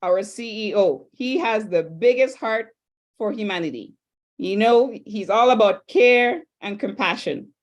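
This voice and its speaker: A woman from Trinidad and Tobago, hosting an online panel in a chatty, upbeat way with lively asides. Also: medium pitch, measured pace. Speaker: host.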